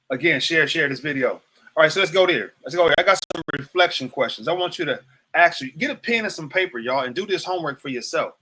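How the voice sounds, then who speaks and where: A man in his fifties with a somewhat high, sharp-toned voice hosts a livestreamed motivational talk. He preaches to viewers, repeats phrases, and asks them questions directly.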